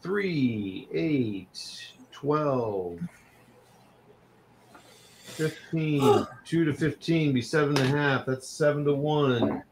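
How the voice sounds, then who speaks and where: A man's voice: fairly high pitch, fairly even intonation, unhurried, slight background noise. A man playing a board wargame, counting out odds and dice rolls aloud in casual commentary. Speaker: wargame player.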